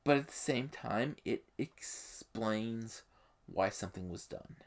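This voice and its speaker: Pausing often and speaking haltingly, a YouTube host with a medium-pitched voice gives emphatic explanatory commentary on a game setting.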